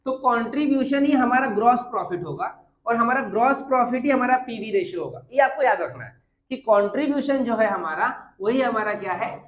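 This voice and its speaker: A man's voice: very high voice, animated, a little fast. A man teaching a commerce class at a whiteboard in Hindi mixed with terms. He asks his own questions and answers them, and repeats every key point. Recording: echoey room.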